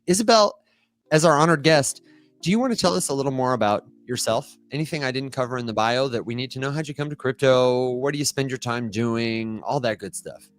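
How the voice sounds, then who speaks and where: A man's voice: medium pitch, fairly quick, soft background music. Playful man hosting a podcast. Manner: playful, upbeat, explaining a game. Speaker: podcast host.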